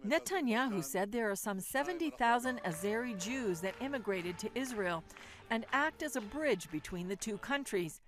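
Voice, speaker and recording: A woman's voice: a little high, lively intonation, normal speed. A woman with an American accent narrating a scripted news report as a correspondent.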